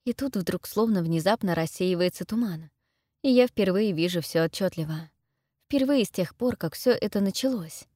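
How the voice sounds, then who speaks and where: A young adult woman narrating a first-person story as an audiobook reader, in a steady, measured way. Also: medium pitch, no room sound, clean studio sound.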